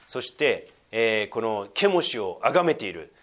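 A man preaching a sermon as pastor, talking conversationally with questions to his listeners and swinging from emphatic lines to hushed, near-whispered asides. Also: fairly low pitch, big pitch swings, measured pace.

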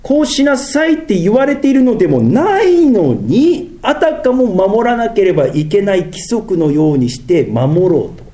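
Lively-pitched Japanese preacher with a Tohoku accent. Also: male voice. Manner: swings between lofty, drawn-out preaching and quick, mumbled asides. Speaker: pastor. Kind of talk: sermon.

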